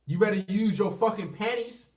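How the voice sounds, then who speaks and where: A man with a fairly high voice rants straight to camera, blunt and crude, circling back over the same phrases. He sits well back from the mic, so his voice sounds distant. The room around him rings with echo. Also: normal speed, darkish tone. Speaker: vlogger. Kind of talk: casual rant to camera. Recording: echoey room, voice far from the mic.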